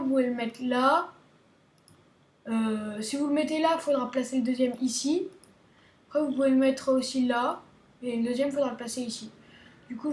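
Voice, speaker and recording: A woman hosting a casual game tutorial, chatty and playful, stumbling over restarts as she talks to her viewers. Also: high voice. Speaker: gaming video host. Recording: roomy echo, faint background hiss.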